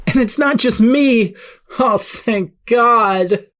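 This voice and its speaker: In an audio drama, a woman voices a rattled, excitable teenage boy who has superpowers. Her voice is a little high and slow, and she speaks emotionally in casual slang, sounding amazed.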